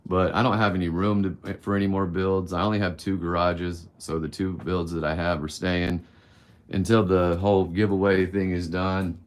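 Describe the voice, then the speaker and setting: Answering viewer questions on a casual livestream, a man around fifty talks at normal speed in a deep voice with little pitch movement. He's blunt and candid, rambles, and swears offhandedly.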